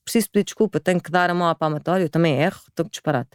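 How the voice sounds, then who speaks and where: Expressive Portuguese woman in her forties. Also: on the low side, racing, no echo, studio quality. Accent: European Portuguese. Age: 40s. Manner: expressive, animated storytelling with frequent laughs. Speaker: podcast guest. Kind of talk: casual chat.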